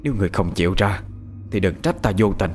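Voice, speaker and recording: A man voicing a stern older woman who works as a village sorceress, speaking gravely and with authority. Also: on the low side, animated, quick pace, faint music behind, close to an everyday voice. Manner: grave, commanding.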